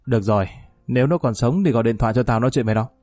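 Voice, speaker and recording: A man voicing a cold, menacing male police officer among gangsters, speaking low and harsh in a story reading. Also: racing, warm tone, no room sound, natural voice.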